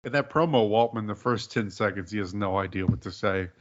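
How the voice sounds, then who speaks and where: A man co-hosting a casual podcast chat, talking in a relaxed, offhand way. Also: on the low side, a little fast, lo-fi sound. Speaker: co-host.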